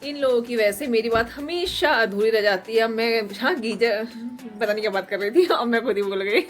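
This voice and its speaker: Young woman vlogger, hoarse from a cold, chatty running commentary over soft background music. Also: fairly high pitch, brisk. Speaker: family vlogger. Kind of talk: casual home vlog narration.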